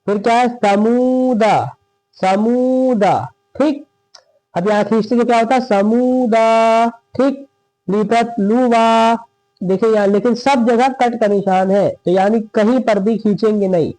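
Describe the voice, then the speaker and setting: A man with a high yet mellow voice teaches Quran reading step by step, slowly drawing out each example word and often checking "theek hai" to see if it's clear. The recording is dry and close, without room echo.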